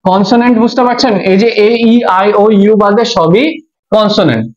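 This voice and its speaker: A man's voice: high voice, a little fast. A man with a Bangladeshi Bengali accent giving a classroom English grammar lecture, spelling words out letter by letter and asking the class check questions. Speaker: English teacher. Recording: dull lo-fi audio.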